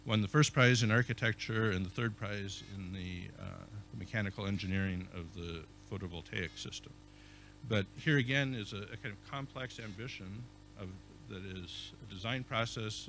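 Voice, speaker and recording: A man giving a conference keynote as an architecture professor, speaking in a measured way with many fillers and restarts. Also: lowish voice, fairly bright tone, a little hiss or hum. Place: conference hall.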